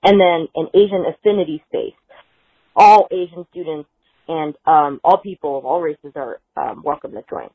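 A woman leaves a chatty, somewhat rambling voicemail as a caller to the show. Her voice sits a little low and comes through a tinny, narrow phone line. The sound is close and dry. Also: normal speed, no echo. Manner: casual, chatty, slightly rambling. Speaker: caller, high school teacher. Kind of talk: leaving a voicemail.

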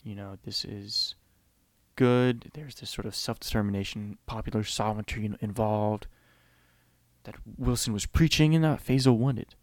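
A man's voice: on the low side, moderate pace, dry recording. A man giving a casual, conversational history lecture, often saying "you know" and acting out quotes.

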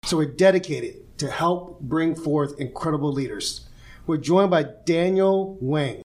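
A man hosts an interview podcast in a fairly high voice. He sounds upbeat and emphatic, and he stretches out his introductions and questions. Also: expressive, unhurried, darkish tone. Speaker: podcast host. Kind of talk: interview hosting.

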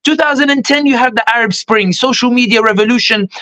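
A man's voice: very high-pitched, quick pace, pushed and bright. A man from Tunisia giving earnest, rallying closing thoughts on a panel, speaking straight to the listeners. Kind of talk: impassioned panel reflection.

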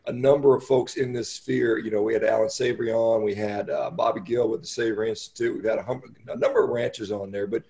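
An American man interviewing as a podcast host, casual, halting and rambling, often repeating his words. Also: lowish voice, fairly even intonation, dark tone.

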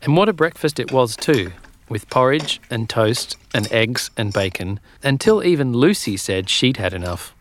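Expressive man reading a storybook. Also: mid-range voice, moderate pace. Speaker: narrator.

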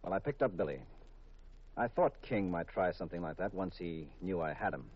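Husky-voiced detective hero. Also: male voice, deep voice, lively intonation, a little fast. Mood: suave, teasing. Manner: coaxing and urgent, then suave and flirtatious. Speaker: detective lead. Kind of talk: 1940s radio drama acting. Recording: muffled old radio recording.

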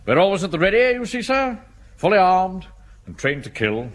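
An English actor playing a pompous, blustering middle-aged bank manager and Home Guard captain in a vintage radio comedy. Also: male voice, high voice, very animated, moderate pace. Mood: blustering, deferential. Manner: self-important, blustering. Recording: noisy old radio broadcast recording.

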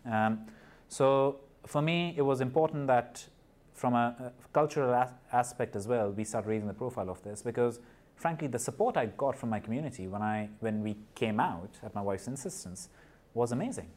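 Medium in pitch and darkish in tone, his voice moves at a moderate pace. As a guest on an interview podcast, this corporate partner and mental health advocate from Nepal and India talks earnestly, with repeated words and frequent restarts.

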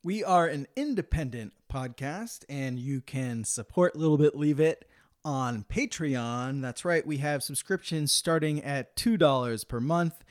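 A man hosting a podcast in a casual, chatty style. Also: mid-range voice. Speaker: podcast host.

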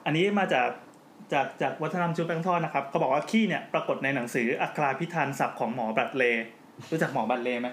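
A man's voice: medium pitch, fast, fairly bright tone. A man hosting a podcast in casual chat, joking as he explains at length. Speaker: podcast host. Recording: roomy with faint background noise.

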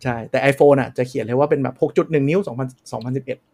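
A man's voice: mid-range voice, quick pace, dark tone. A man co-hosting a casual tech podcast, explaining at length with many fillers. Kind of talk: casual chat.

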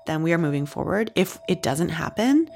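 Low-voiced woman telling her story. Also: big pitch swings, moderate pace, gravelly, a little mellow, slight background noise. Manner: conversational, frequent "like" fillers. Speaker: interviewee. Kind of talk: candid personal interview.

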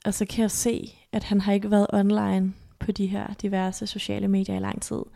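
Sex: woman. Style: halting personal storytelling. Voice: gravelly, flat. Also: medium pitch. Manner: soft, halting, emotional retelling. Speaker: interview guest.

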